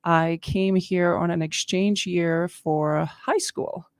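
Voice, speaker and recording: A middle-aged woman from Austria, a guest giving earnest, measured answers in a radio interview in the studio. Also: on the low side, steady tone, no room sound. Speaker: guest, district attorney candidate.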